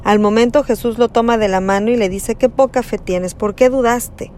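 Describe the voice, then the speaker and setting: A woman giving a slow, conversational reflection on a Gospel passage, often adding tag questions. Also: fairly high pitch, fairly even intonation, mellow, a little hiss or hum. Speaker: preacher.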